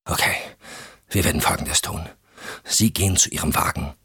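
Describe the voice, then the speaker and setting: A man's voice: sits low, normal speed, bright, forceful tone, breathy edge, no room sound, studio quality, heavily acted. A man voicing a hunted man in an audiobook, talking in urgent, clipped instructions. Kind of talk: audiobook character voice.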